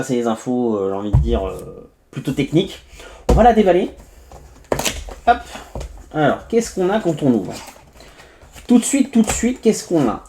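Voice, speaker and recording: Chatty French tech reviewer, mellow voice. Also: male voice, medium pitch, slight background noise. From France. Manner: chatty, many hesitations and asides, narrates each step. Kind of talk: casual unboxing review.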